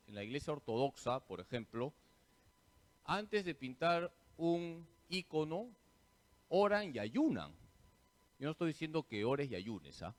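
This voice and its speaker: Slow, lively priest teaching. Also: male voice, a little high. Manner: quizzes listeners with questions, then answers them himself; teacherly, repeats key points. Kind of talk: parish catechesis talk.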